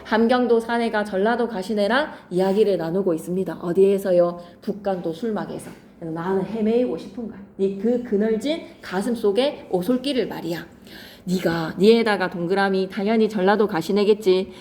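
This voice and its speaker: A woman teaching a poetry lesson to students, lively, switching between polite and casual speech and acting out lines dramatically. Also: mid-range voice, moderate pace, echoey room, slight background noise. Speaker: Korean literature teacher. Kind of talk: classroom lecture on poetry.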